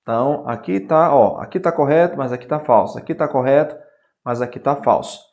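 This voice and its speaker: A man's voice: mid-range voice, brisk, darkish tone. A middle-aged man with a Brazilian Portuguese accent explains grammar rules for an exam, checking in with his students often. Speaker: Portuguese teacher. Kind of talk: exam-prep grammar lesson.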